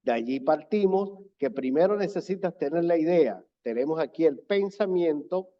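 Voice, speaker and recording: A man's voice: a little high, lively intonation. A man teaching public speaking in an online presentation, stressing points by repeating them. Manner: slow, deliberate delivery with repeated emphasis. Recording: slightly dull, lo-fi audio.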